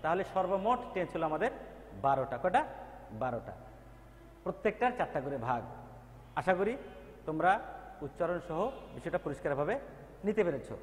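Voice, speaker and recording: A man's voice: on the high side, big pitch swings, moderate pace, pauses often, a little hiss or hum. A man teaching a recorded grammar lesson, patiently repeating terms and drilling their pronunciation. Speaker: English teacher. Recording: echoey reverberant room.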